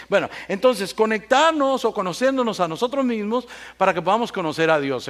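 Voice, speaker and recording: Animated, high-pitched pastor. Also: male voice. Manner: animated storyteller, asks the congregation for assent. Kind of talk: sermon.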